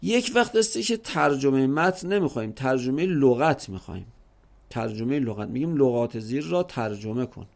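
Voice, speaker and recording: A middle-aged man gives a classroom lesson on Arabic, explaining exam question types. His voice is gravelly at mid pitch, and he talks slowly and deliberately, going over each example several ways. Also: expressive. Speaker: Arabic teacher.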